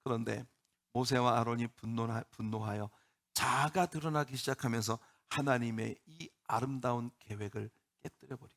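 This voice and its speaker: A man's voice: medium pitch, fairly bright tone. A man preaching a sermon in church, emphatic and building up with rhetorical questions to the congregation. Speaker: pastor.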